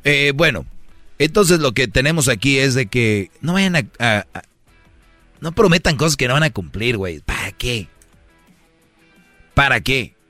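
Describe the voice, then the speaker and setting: A man's voice: mid-range voice, animated, a little slow, long pauses, sharp tone, dry recording, soft background music. Brash slangy Mexican man. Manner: brash, slangy, lectures with acted quotes. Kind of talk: casual chat, giving dating advice.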